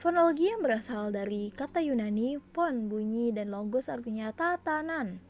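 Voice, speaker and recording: Young woman, Indonesian accent, student reading notes, slightly high voice, faint hiss. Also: animated, moderate pace, a little mellow. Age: young adult. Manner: careful reading with small slips and restarts. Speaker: student presenter.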